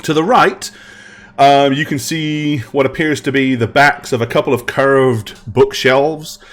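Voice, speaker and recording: A man narrating as game master of a tabletop game, unhurried and hesitant, often pausing with "um". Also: mid-range voice, steady tone, faint music behind. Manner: unhurried, hesitant with frequent ums.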